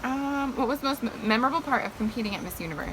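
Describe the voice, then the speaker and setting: A young American woman with a slightly high voice chats as a host. She sounds informal and animated, like someone talking with a friend. There is clear ambient noise behind her. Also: rapid-fire. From United States. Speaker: host, pageant titleholder. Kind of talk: casual interview chat. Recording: clearly noisy background ambience.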